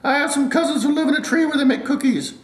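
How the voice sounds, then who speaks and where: Guy doing a cheeky irish leprechaun, super high squeaky voice, echoey room. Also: fast talker. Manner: gruff, cheeky, rude. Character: cranky boozy Irish leprechaun man.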